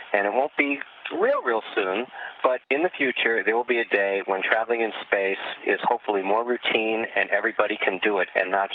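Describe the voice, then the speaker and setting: A man answering questions as an astronaut over a radio link from a spacecraft. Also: fairly low pitch. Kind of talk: answering public questions from orbit. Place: aboard spacecraft in orbit. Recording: phone-like radio downlink, clear noise.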